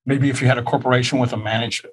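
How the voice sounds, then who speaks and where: A man's voice: mid-range voice, steady tone, racing, slightly rough, rough recording. A man co-hosting a tax question show, explaining retirement plans and rules in a careful, practical way. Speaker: tax advisor co-host. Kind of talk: casual tax Q&A chat.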